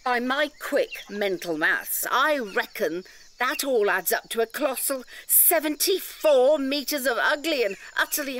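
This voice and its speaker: Playing an indignant nature-reserve campaigner in an audio drama, a woman with a voice on the high side and a fairly bright tone lectures emphatically, full of pedantic detail and rhetorical questions. A little hiss or hum runs through the recording.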